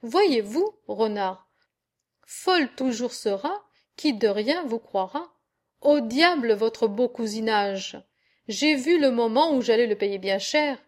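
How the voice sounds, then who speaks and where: A woman reading a medieval tale aloud, voicing a proud, wary male rooster in a measured, slightly haughty manner. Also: a little high, lively intonation. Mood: mocking.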